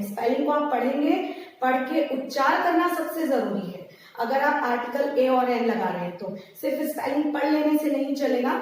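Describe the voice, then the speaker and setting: A woman teaching an English grammar lesson, explaining slowly and spelling out example words one by one. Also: high voice. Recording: echoey room, distant mic.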